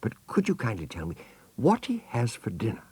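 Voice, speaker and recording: A man's voice: lowish voice, huge pitch swings, normal speed, a little mellow, slightly rough, no echo, pitched above the performer's own voice, full character voice. A man voicing an innocent, curious young elephant in a children's storybook, earnest and extremely polite. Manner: earnest, over-polite, wordy.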